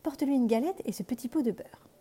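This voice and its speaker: A woman voicing a caring village mother in a storybook reading, gently urging her daughter. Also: high-pitched, fast, husky.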